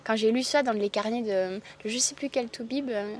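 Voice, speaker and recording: An herbalist from the Landes in southwest France, speaking with that region's accent, chats enthusiastically in a casual interview and laughs often. Her voice is a little high at a moderate pace, with a bit of hiss or hum in the background.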